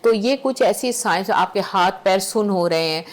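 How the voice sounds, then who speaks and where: A woman doctor with a Pakistani accent, a guest on a TV talk show, methodically explaining health symptoms point by point. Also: medium pitch. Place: TV studio.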